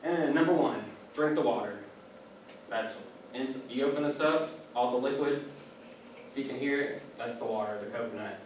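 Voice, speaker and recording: A student speaking to his class, this young man keeps his presentation loose and conversational, full of asides and filler words. He has a mid-range voice and a moderate pace. The audio is distant and echoey, with noise in the background.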